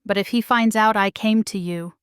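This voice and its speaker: A woman reading the part of an anxious, loyal young female employee, in an urgent, hushed manner. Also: medium pitch, steady tone, moderate pace, smooth, no echo, studio quality, close to an everyday voice.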